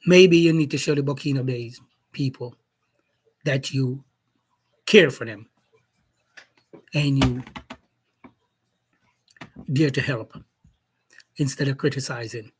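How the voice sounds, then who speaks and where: Speaking at a very unhurried pace, a Jamaican commentator delivers an opinion monologue in a husky, slightly rough, medium-pitched voice. He builds his argument slowly and deliberately, firing pointed, challenging questions at those he criticizes.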